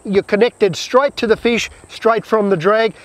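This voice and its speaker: Guy with a pretty high voice teaching fishing outside, plain talking, step by step. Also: unhurried. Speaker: fishing instructor presenting tips. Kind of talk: instructional explanation to camera. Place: outdoors.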